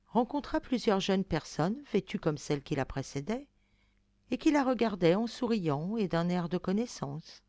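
A woman reading a classic fairy tale aloud as an audiobook narrator, clearly and expressively. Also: lowish voice, a little mellow, no room sound. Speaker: audiobook reader. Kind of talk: storybook narration.

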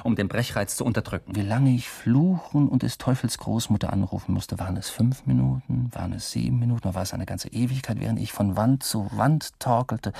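An actor in a radio drama speaking a wry, rambling, drunkenly philosophical first-person monologue in a gravelly, husky voice. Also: male voice, on the low side, mellow, dry recording, studio quality. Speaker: narrator and protagonist.

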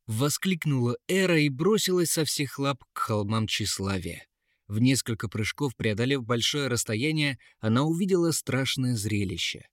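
A man reads a fairy tale aloud at a middle pitch, dramatic and measured. The sound is dry and close, with no room at all. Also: no room sound. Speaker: narrator. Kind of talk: storybook narration.

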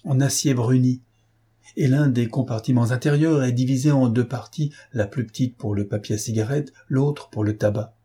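A man's voice: mid-range voice, fairly even intonation, normal speed, mellow, slightly rough, close to an everyday voice. A man reading an audiobook, voicing a commanding male police chief who presses and gives orders. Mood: probing. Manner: urgent, commanding.

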